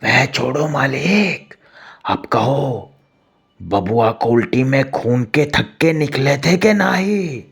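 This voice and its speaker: An earnest, fearful village servant in a storybook tale, as the narrator puts him on. He drawls very slowly in rural dialect. The voice is gravelly and husky, with a lot of breath in it. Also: medium pitch, expressive, voice pushed up, exaggerated voice. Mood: earnest, urgent.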